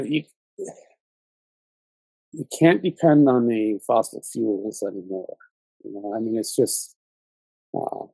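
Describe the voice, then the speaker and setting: A man's voice: mid-range voice, mellow, breathy edge, dry recording, low-quality recording. A journalist guest in an interview, a man who talks hesitantly and restarts his sentences. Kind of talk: conversational interview.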